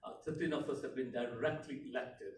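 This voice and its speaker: Speaking off the cuff at a community event, a middle-aged Tanzanian politician stumbles through fillers and restarts. His mid-range voice has a darkish tone and moves fairly quickly, recorded from a distant mic in an echoey room with background noise.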